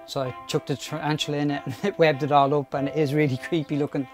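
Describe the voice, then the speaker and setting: A man's voice: on the high side, little pitch movement, fast talker, soft background music. A man casually giving an enthusiastic, chatty tour of his animal collection, laughing often.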